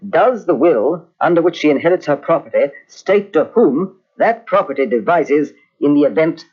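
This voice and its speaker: An actor playing a courteous, dogged police inspector in an old radio mystery, clipped and probing. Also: male voice, on the high side, lively intonation, moderate pace, darkish tone, breathy edge. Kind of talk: 1950s radio drama acting. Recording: dull old radio transcription.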